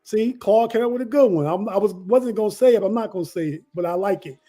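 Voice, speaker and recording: A man in his fifties co-hosting a sports podcast in casual chat, thinking aloud in halting phrases. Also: high voice, warm tone. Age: 50s. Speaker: podcast co-host.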